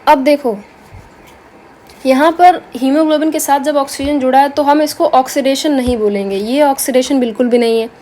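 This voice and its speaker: A woman's voice: high-pitched, steady tone, moderate pace, mellow, a little hiss or hum. A woman teaching biology in a lecture, asking herself rhetorical questions and answering them, with terms. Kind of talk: explanatory lecture.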